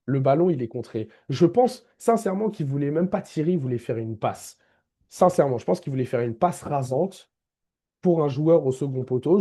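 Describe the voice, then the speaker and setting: A man's voice: medium pitch, warm tone. A man giving a casual football match debrief as a vlogger, emphatic, repeating his key points and addressing viewers directly.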